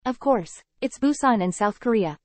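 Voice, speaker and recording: A woman saying short English sentences for learners, repeating each phrase three times in a careful, even delivery. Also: a little high, normal speed, dry recording. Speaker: model speaker for English learners. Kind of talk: slow repeated example sentences.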